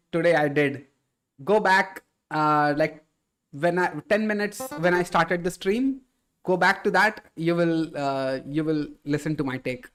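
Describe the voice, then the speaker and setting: A man hosting a casual live stream, reading viewer chat aloud and answering in a relaxed way, often calling people "bro". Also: on the high side.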